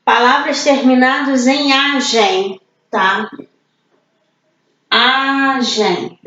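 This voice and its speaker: A Brazilian woman teaching an online class for children, patient and slow, asking questions and answering them herself. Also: sits high, lively intonation, a bit bright, reverberant, highs cut off, slight background noise. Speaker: primary school teacher.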